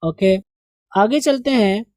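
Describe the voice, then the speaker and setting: A man teaching English as a classroom lesson, slowly and deliberately drilling the pronunciation of words. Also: high voice, a little mellow, dry recording.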